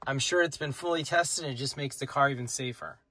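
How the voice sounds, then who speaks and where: A middle-aged car tech vlogger sits in a parked car and films on a phone held at arm's length, explaining car features in a plain, matter-of-fact way for a casual vlog. His mid-range voice sounds pushed and bright, and he talks fairly quickly.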